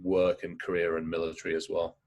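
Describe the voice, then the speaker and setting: A middle-aged man, a guest in a casual interview, talking in quick, rambling stories. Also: low voice, completely flat delivery, darkish tone. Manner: fast, rambling storytelling.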